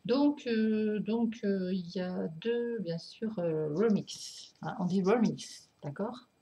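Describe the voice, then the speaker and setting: Excited and often laughing, a woman with a medium-pitched voice talks slowly through her record collection for a casual vlog, hesitating with lots of fillers and apologies. Her distance from the camera mic keeps shifting.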